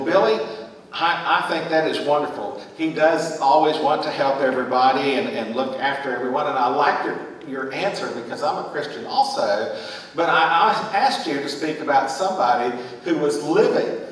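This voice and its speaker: A middle-aged man, a pastor, telling a story in a sermon with animated gestures in a large church sanctuary. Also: fairly high pitch. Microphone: distant room mic. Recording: echoey sanctuary from far off.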